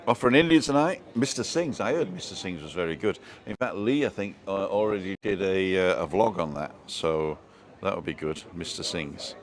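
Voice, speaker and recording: His voice sits low and moves at a normal pace. He's a Manchester man with a mild English accent, casually hosting a live stream and responding to viewers' comments as he reads them.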